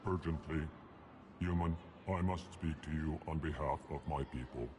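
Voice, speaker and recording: An actor playing a huge, earnest, slow-talking alien in a video game, formal and monotone. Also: male voice, very deep voice. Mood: urgent pleading. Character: huge, slow, earnest alien announcing his emotions flatly. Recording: faint ambient noise.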